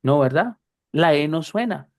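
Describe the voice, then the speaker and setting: A woman teaching a class, explaining slowly and patiently, often repeating herself and checking that her students follow. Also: low voice, expressive, darkish tone, no room sound, studio quality. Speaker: English teacher.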